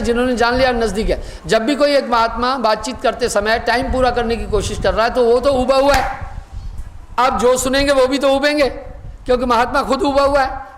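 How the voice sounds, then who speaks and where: A man, a spiritual teacher, giving a sermon and telling a parable, acting out the dialogue and reciting verse slowly. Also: very high voice, fairly bright tone, long reverb tail. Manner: storytelling, acts out dialogue, slow recited verse.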